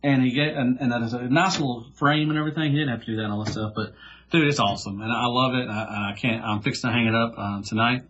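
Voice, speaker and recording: A man's voice: mid-range voice, fairly even intonation, fast talker, fairly bright tone, dull audio, slight background noise. A man co-hosting a casual podcast chat who gushes with enthusiasm and repeats himself. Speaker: podcast co-host.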